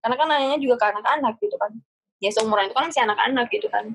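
A young woman chatting casually as a podcast guest, relaxed and slangy, often repeating words as she thinks. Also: a little high, racing, a little hiss or hum.

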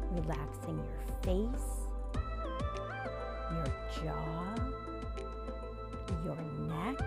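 A woman coaching guided breathing in a slow, soothing way, giving gentle instructions with long pauses. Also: fairly low pitch, gravelly. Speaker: podcast host and breathing coach.

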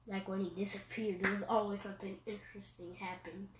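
A woman co-hosting a casual movie podcast, answering slowly with giggly deadpan replies. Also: medium pitch, recorded from a distance, background noise. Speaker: podcast co-host. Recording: echoey room, away from the mic.

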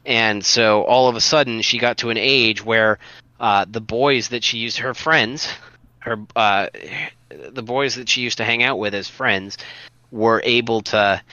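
A man's voice: mid-range voice, fairly even intonation, unhurried, sharp tone, dry recording, highs cut off. A man co-hosting a casual podcast, talking earnestly with many restarts and fillers. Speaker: podcast co-host.

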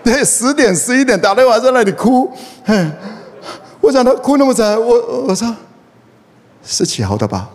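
Animated male pastor in an echoey hall. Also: very high-pitched, moderate pace. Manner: animated, draws call-and-response from the congregation. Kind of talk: sermon with humorous storytelling. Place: church hall. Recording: echoey hall with faint noise.

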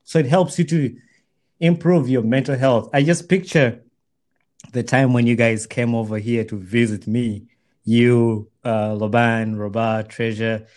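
A man's voice: medium pitch, fairly even intonation, unhurried, darkish tone. A man talking casually and from the heart with a friend, earnest and repeating phrases as he builds his point.

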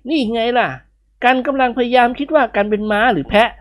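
A reader voicing a joking, boastful rich young man in rough, blustering banter in an audiobook. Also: mid-range voice, fairly quick, pitched above the performer's own voice, lightly acted.

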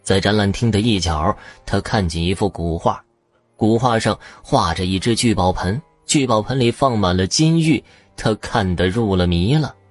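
A man narrating an audio story in an expressive, dramatic way. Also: on the low side, moderate pace, dry recording, faint music behind.

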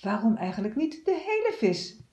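A woman calmly reading a children's story aloud. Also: on the high side, moderate pace.

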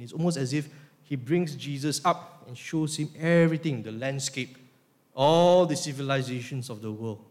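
Male pastor, sermon delivery, emphatic and deliberate, mid-pitched, long reverb of a church hall. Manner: emphatic, slows down to stress key words.

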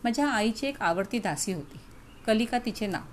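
Female audiobook narrator, measured and reflective. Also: on the high side, lively intonation, slight background noise. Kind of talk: audiobook reading of a novel.

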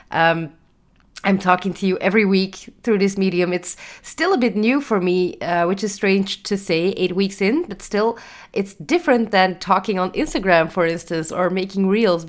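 A young woman talks through her solo podcast in an easy, chatty way, her voice stuffed up and nasal from a lingering cold. Her pitch sits in an ordinary middle range, and she fills pauses with small "um"s and "uh"s. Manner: chatty, with fillers and small laughs. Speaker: podcast host. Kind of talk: casual solo podcast talk.

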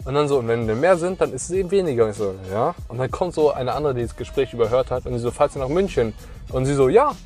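A young man telling a story in casual chat, slangy and animated, acting out the people in it. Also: mid-range voice, fast talker, soft background music.

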